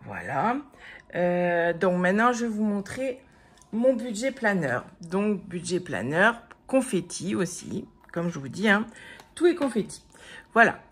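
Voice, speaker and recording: A woman's voice: mid-range voice, sing-song, a little slow, breathy edge. A woman talking casually to her viewers as a vlogger, hesitant with many fillers and restarts, gushing with praise. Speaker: vlogger showing crafts and purchases. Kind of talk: casual chat to camera.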